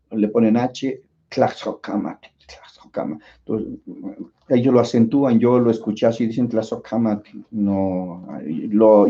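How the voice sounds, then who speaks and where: A man's voice: mid-range voice, dark tone, highs cut off. A man with a Mexican Spanish accent teaching an informal online language class, rambling with many fillers and restarts.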